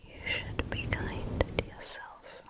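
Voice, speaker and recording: A woman whispering ASMR positive affirmations in a gentle, soothing manner, repeating phrases. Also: takes it slowly. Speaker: ASMR creator.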